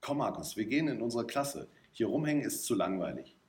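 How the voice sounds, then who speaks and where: A man's voice: medium pitch, sing-song, brisk, a little mellow, close to an everyday voice. A man voicing a bold, teasing teenage girl in a read-aloud story, in a raised playful voice. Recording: roomy echo.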